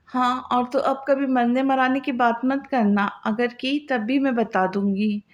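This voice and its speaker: A woman's voice: on the high side, fairly even intonation, a little slow, lightly acted. A caring, protective older caretaker from an audio novel, read by a woman narrator. She speaks in a firm, insistent manner. The recording is slightly dull and lo-fi.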